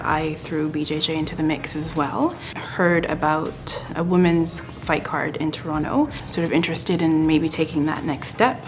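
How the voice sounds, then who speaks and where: A low-pitched West African woman in her forties, a combat sports athlete, tells her story in a documentary interview. She speaks in a thoughtful, measured way.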